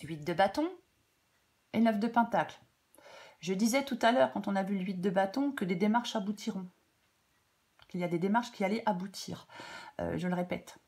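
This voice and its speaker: Casting: female tarot reader, stuffy-nosed with a cold, informal and halting, breaking off into chatty asides. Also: mid-range voice, a little mellow. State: congested blocked nose from a cold. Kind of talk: casual off-the-cuff tarot guidance.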